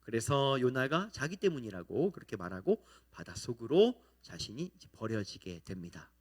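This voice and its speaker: A man preaching a sermon as pastor, asking his listeners questions and acting out the quoted lines in animated voices. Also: medium pitch, normal speed, slightly rough. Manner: asks the congregation questions.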